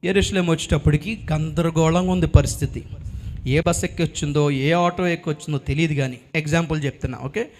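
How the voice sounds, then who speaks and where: A pastor preaching with a high voice in lively storytelling. He swings through the scenes dramatically and keeps urging his listeners to shout hallelujah. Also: fairly quick, a little hiss or hum. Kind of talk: sermon.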